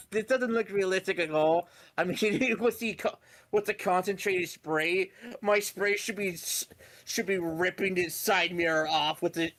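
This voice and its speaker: A man's voice: high-pitched, a bit bright. A man streaming a game and chatting casually, often restarting his sentences. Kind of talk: casual gaming chat.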